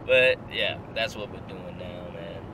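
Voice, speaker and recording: A man's voice: low voice, slow pace, vocal fry. A young man in a casual road-trip vlog, talking loosely in slang to a handheld camera in a car and on the street. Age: young adult. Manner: loose slangy talk with frequent laughs. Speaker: vlogger. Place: car, gas station and city streets outdoors. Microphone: handheld camera at arm's length. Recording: street and car noise behind.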